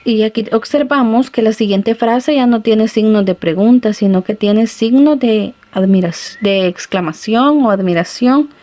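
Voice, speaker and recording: A woman teacher giving a recorded lesson to schoolchildren, talking slowly and patiently and calling them little friends. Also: a little high. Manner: slow, patient, addressing children warmly as little friends. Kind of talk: recorded classroom lesson for children.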